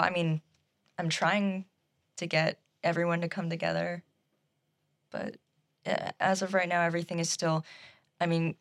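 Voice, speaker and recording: Giggly, halting young woman guest. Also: on the low side, vocal fry. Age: young adult. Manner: halting, full of fillers and giggles. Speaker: student guest. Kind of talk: casual interview answers.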